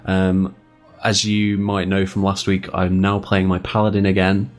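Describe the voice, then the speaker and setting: A man with a very low, deep voice hosts a relaxed gaming podcast. He is chatty and self-deprecating, and he laughs easily between his points. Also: a little slow, faint music behind. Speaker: podcast host. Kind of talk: casual gaming podcast chat.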